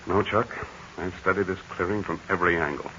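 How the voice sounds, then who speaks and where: A male voice plays a brave, steady, middle-aged aviator hero in a 1940s radio serial, speaking low and quick with a bright edge in a calm, assured, commanding way. The 1940 radio transcription is dull and lo-fi, with faint hiss underneath.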